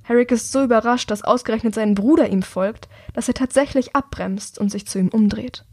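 A woman reading a novel aloud in calm, measured scripted narration. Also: fairly high pitch, breathy edge, no echo, clean studio sound. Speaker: audiobook narrator.

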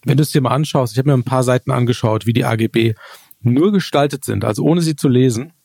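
A man co-hosting a German tech podcast, telling stories in a relaxed way with many fillers. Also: medium pitch, quick pace, creaky, no room sound. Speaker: podcast co-host. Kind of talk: casual tech chat.

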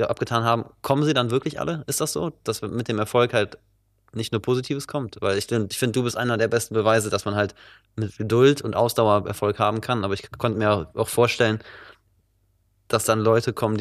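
A man's voice: lowish voice, steady tone, brisk, dry recording, studio quality. A man interviewing a musician, asking curious questions in a casual conversational way.

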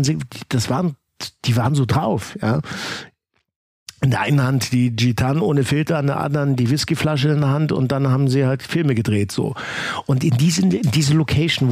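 A man being interviewed, telling long stories in a relaxed, rambling way with many fillers and restarts. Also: medium pitch, no echo, studio quality. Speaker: guest. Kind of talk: casual interview talk.

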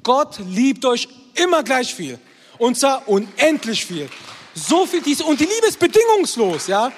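A man in his twenties preaching to a live crowd, energetic and constantly checking in with the crowd. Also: extremely high pitch, measured pace, a little hiss or hum. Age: 20s. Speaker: youth preacher. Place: hall with an audience, also streamed. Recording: long hall reverb.

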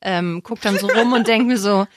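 A woman's voice: mid-range voice, normal speed, slight background noise. A woman chatting casually as a podcast co-host, candid and matter-of-fact. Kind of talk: casual chat.

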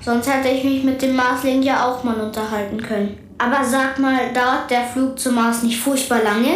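Woman voicing high-pitched childlike little planet Pluto. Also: moderate pace, natural voice. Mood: curious. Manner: expressive, pouty and naive. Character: little planet Pluto as a space correspondent, touchy, curious, childlike. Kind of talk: children's radio character dialogue. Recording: roomy echo, music behind.

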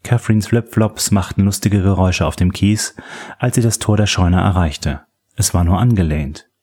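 A man reading a thriller audiobook in a steady, suspenseful narration. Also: deep voice, normal speed, husky. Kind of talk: scripted narration.

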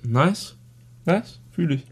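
A man's voice: on the high side, lively intonation, drawn-out words, slight background noise. Teen podcast guy, mostly short slangy reactions. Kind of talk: casual chat.

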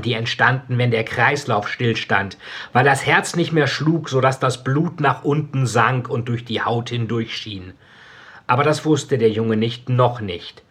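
Husky-voiced man reading his own novel. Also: mid-range voice, fairly bright tone. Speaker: author.

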